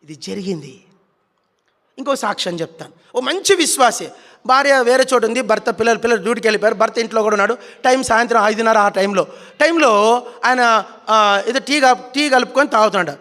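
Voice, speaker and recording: In a reverberant hall, a man preaches a Telugu-style sermon, telling stories animatedly and acting out scenes. His voice is very high-pitched, bright and forceful, and he talks quickly.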